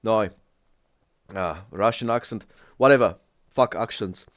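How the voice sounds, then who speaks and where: Recorded in clean studio sound with no echo, a reaction video creator with a lowish voice gives casual commentary. English isn't his first language, so he speaks haltingly, frequently hunting for words and restarting.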